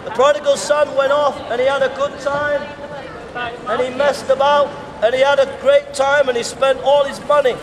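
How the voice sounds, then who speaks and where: A middle-aged man with a very high, level voice delivers an open-air sermon to passers-by on a pedestrian shopping street, repeating phrases in a slow, emphatic cadence. A far-off camera catches him with roomy, distant reverb, a crowd, passing traffic and clear town street noise.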